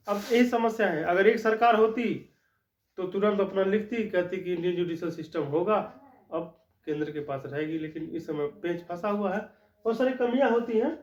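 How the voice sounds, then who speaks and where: A man with a high voice gives a classroom-style law lecture, explaining things and repeating each key point while often checking in with "ठीक." The sound is dull and lo-fi, with noticeable room echo.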